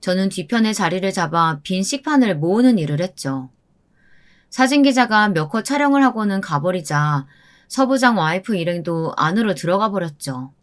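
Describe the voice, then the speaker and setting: A woman narrating a first-person drama story in a steady storytelling manner. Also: mid-range voice, normal speed.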